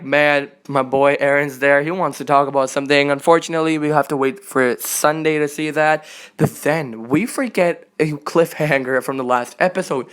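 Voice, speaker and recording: Excitable young man recapping an episode. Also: a little high, smooth. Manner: animated, filler-heavy, gushing. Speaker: anime reaction channel host.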